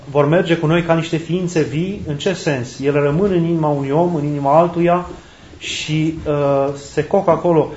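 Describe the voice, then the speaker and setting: An Orthodox priest preaches an earnest sermon, repeating key phrases for emphasis. His voice is on the high side with a dark tone. The recording is roomy, dull, and lo-fi.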